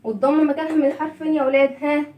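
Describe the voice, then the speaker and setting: A high-voiced woman with an Egyptian accent leads a children's reading lesson. She praises often and drills sounds with quick questions. The room echoes, and she sits back from the mic. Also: flat delivery, dark tone, recorded from a distance, slight background noise. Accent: Egyptian Arabic. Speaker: children's teacher.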